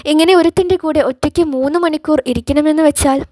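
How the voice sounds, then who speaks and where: A woman narrating a novel as an audiobook in a calm, measured voice. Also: high-pitched, no echo.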